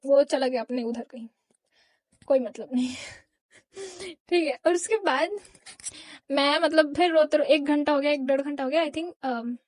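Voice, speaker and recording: A woman's voice: high voice, darkish tone, dry recording. A young woman vlogger telling a personal story in an emotional, rambling, confessional way. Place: home.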